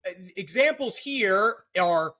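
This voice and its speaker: A man's voice: high-pitched, expressive, takes it slowly, bright, forceful tone. A middle-aged man hosting a podcast, explaining psychology in a casual, joking way with lots of fillers. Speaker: podcast host, therapist.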